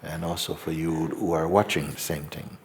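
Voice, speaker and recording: Deep gravelly man guiding a meditation. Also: steady tone. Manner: slow, gentle, repetitive, hesitant. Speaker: spiritual teacher. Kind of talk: guided meditation talk. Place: meditation hall before a live audience.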